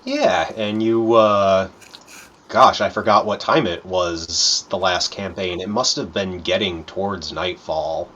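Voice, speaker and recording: Low-voiced man narrating as dungeon master. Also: takes it slowly, lo-fi sound, a little hiss or hum. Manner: relaxed, rambling, many fillers. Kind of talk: narrating a tabletop game.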